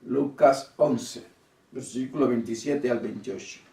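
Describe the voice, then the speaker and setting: Emphatic preacher in an echoey hall. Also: male voice, medium pitch, slow, vocal fry, warm tone, far from the mic. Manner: preaching with rising, emphatic swells and sudden drops; addresses congregation as brothers and sisters. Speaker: pastor. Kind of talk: sermon.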